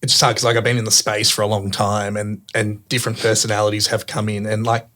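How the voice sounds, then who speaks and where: A man's voice: on the low side, quick pace. Man hosting a casual podcast. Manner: relaxed, talks through ideas with many fillers. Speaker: podcast host. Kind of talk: casual chat.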